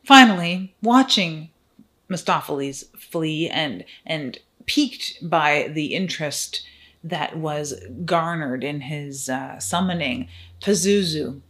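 A woman improvising a comic horror crossover tale, rambling wryly with fillers and asides. Her voice sits notably low. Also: takes it slowly, a bit bright. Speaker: storyteller.

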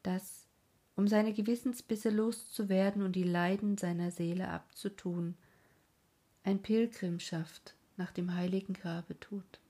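A woman reading a story aloud as a whispered role-play, in a slow, mournful way. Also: medium pitch, fairly even intonation, warm tone, husky. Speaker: reader.

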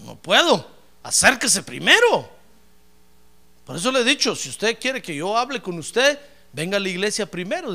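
Gravelly, high-voiced preaching man. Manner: animated preaching, swinging from low asides to loud shouted praise; addresses listeners as "hermano". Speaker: pastor. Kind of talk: sermon. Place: church.

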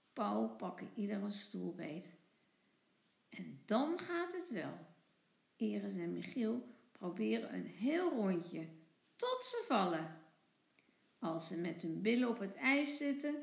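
A woman teacher reading a children's storybook aloud in an expressive, sing-song way. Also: medium pitch, takes it slowly, creaky, reverberant.

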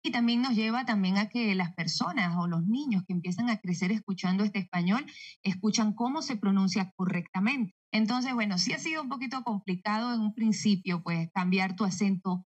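A woman voice actress explaining her craft in an interview, measured and illustrating with spoken examples. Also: medium pitch, dull audio. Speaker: voice actress guest. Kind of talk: interview answers.

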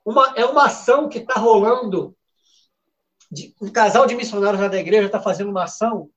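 A man hosts a football betting show, talking in a chatty live style packed with fillers and restarted sentences. His voice is high, brisk, and a bit bright.

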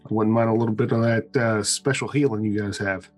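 A man's voice: lowish voice, steady tone, brisk, a little mellow, faint music behind. A man playing in a tabletop game, chatting casually and joking with the group. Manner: joking, laughs often. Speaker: player.

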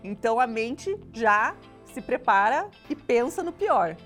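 A fairly high-voiced woman, co-hosting a relaxed conversation. She is animated, laughs easily and keeps turning to the audience. Soft music plays faintly underneath. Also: a little slow. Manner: animated, laughs often, addresses listeners as "gente". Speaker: co-host. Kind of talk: casual chat.

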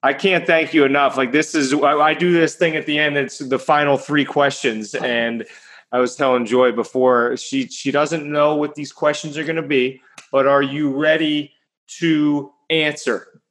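A man's voice: on the high side, steady tone, unhurried, a bit bright. A man hosting a podcast, responding to his guest in an enthusiastic, affirming way and asking questions. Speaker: podcast host. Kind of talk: warm interview chat.

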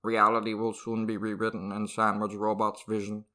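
A man voicing a scheming male robot with a flat, mechanical robot voice. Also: fairly low pitch. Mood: menacing. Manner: flat, mechanical, deliberate delivery. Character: scheming male robot plotting world takeover. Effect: monotone robot voice. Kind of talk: improvised comedy bit.

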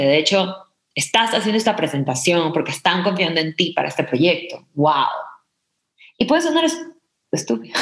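A young woman hosts a motivational podcast, coaching her listeners in an earnest, encouraging way. Her voice sits a little low for a woman. The room around her rings with noticeable echo. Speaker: podcast host. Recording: echoey room.

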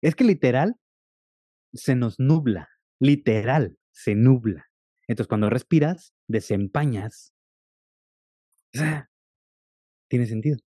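A man, a guest on a podcast, chatting casually and telling stories quickly and with animation. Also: medium pitch, dry recording, studio quality. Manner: fast-talking, animated storyteller. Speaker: guest, content creator on attention deficit. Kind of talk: casual interview chat.

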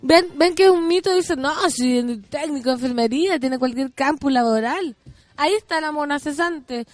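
A woman's voice: high voice, moderate pace, dry recording. A Chilean woman hosting a casual radio show, joking, reading listener messages and improvising a rap. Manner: playful, jokey, breaks into improvised rap. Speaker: radio host.

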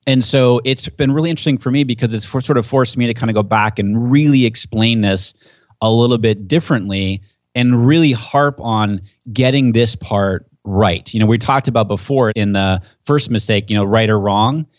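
An enthusiastic man explains his subject as a podcast guest, talking in a loose conversational way and getting more animated as he warms up. His voice sits at an average pitch, and the sound is dry and a little dull. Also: moderate pace, no echo. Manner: enthusiastic, gets pumped up and animated.

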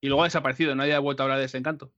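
A man from in a casual podcast chat, tossing in quick joking asides. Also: medium pitch, flat delivery, a bit bright, a little hiss or hum. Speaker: podcast guest. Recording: dull, slightly lo-fi mic.

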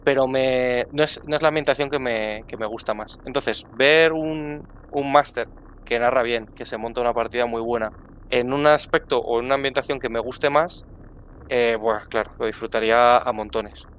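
A man's voice: medium pitch, moderate pace, fairly bright tone, slight background noise. A man, a tabletop game player giving effusive feedback in casual chat, repeating words for emphasis.

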